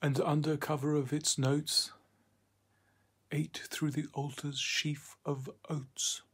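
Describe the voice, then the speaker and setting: Slow, husky man reciting a poem. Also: a little high, little pitch movement. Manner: hushed, half-whispered delivery; slow, deliberate phrasing with long pauses. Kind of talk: poetry recitation.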